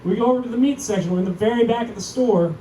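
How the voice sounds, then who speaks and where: A young man with a high voice works through a stand-up set in a deadpan, self-deprecating way. He lifts his voice when he acts out other people. The sound is roomy and distant, with a loud club ambience behind him. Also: rapid-fire. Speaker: stand-up comedian. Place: comedy club stage. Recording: echoey club, mic heard from far, audience noise.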